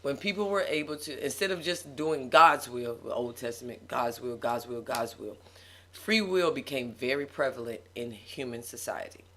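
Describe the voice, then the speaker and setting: Animated woman preaching in casual chat. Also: extremely low pitch, normal speed. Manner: animated, preachy emphasis, laughs often. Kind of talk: casual faith talk.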